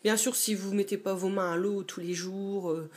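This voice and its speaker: A woman's voice: medium pitch, fairly even intonation, normal speed, a little mellow, slightly rough. A young woman chatting casually about her own collection in a dim bedroom, hesitant and full of fillers. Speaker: beauty vlogger. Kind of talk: casual show-and-tell.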